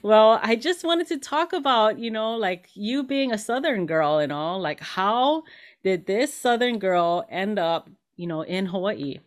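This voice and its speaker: A woman's voice: mid-range voice, lively intonation, measured pace. A woman hosting an interview show, introducing her guest in an effusive, gushing way and laughing often. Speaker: host.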